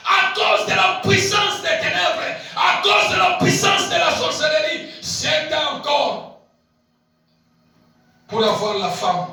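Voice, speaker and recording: Man preaching loud, high bright voice, big shouts then quiet asides, lots of echo from far off. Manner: swings between shouted peaks and low murmured asides; repeats and stretches key phrases. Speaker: pastor. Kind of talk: sermon. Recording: very echoey hall, voice picked up from a distance.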